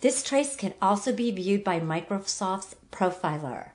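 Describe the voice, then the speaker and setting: A woman's voice: medium pitch, animated, measured pace. A woman giving a bubbly, enthusiastic scripted product demo of a phone app. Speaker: product presenter.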